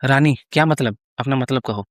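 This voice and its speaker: A man's voice: medium pitch, normal speed, no room sound, clean studio sound, close to an everyday voice. A man voicing an imperious queen who speaks curtly. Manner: curt, commanding.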